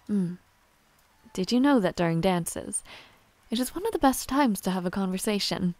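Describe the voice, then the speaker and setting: Lightly acted with lively intonation, a medium-pitched woman plays a young noble villainess, proud yet shy and tender, in a romantic audio roleplay. She speaks softly in formal, halting phrases with a playful, fond mood, and there's no room sound.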